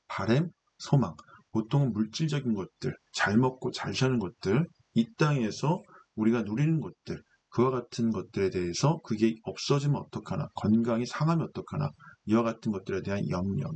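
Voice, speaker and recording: Husky-voiced man teaching English grammar. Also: mid-range voice, a little mellow. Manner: patient, explanatory, asks and answers his own questions. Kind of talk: lecture explaining English grammar.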